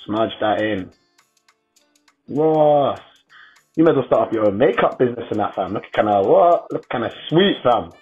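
A man's voice: mid-range voice, expressive, normal speed, a little mellow, slightly rough. A young man with a London roadman accent and slangy delivery, giving casual, joking commentary as a voice-over. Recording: slightly muffled, music behind.

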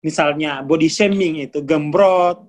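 A speaker giving a relaxed spoken lecture on spiritual consciousness, repeating warnings and laughing between points. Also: mid-range voice, a little slow, a little hiss or hum.

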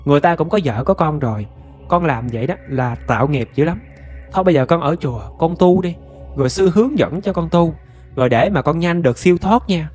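A man voicing a patient elderly Buddhist monk in a spoken ghost story, giving calm advice. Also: a little high, a little fast, soft background music, natural voice. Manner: calm, advising.

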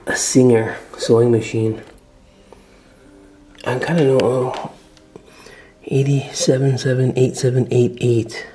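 A man giving a casual, excited walk-through vlog of an old mansion, chatty and often dropping to a murmur. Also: mid-range voice, slow pace, pauses often, a little hiss or hum. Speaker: vlogger touring a historic mansion. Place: indoors, large old house.

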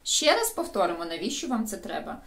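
A woman's voice: medium pitch, quick pace, vocal fry. A woman teaching English pronunciation in a video lesson, explaining each sound to her viewers. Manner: lively, explanatory, addresses viewers directly.

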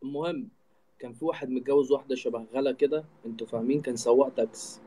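A man's voice: mid-range voice, fairly even intonation, very fast, warm tone, breathy edge, rough recording. A man with an Egyptian accent, chatting casually and teasingly as he hosts a live stream. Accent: Egyptian Arabic. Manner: joking, teasing. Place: indoor room, live video call.

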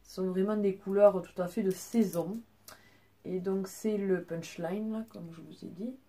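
A woman's voice: medium pitch, steady tone, unhurried, mellow. A young woman at home, casually showing her nail polish collection in a chatty way, full of fillers and restarts. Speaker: beauty vlogger. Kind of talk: casual product show-and-tell.

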